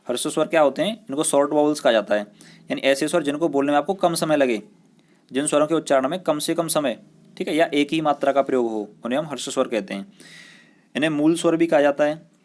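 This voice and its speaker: Patient man teaching grammar. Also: a little high. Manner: patient, repeats terms and stretches sounds slowly for pupils. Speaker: school Hindi teacher. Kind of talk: recorded classroom grammar lesson.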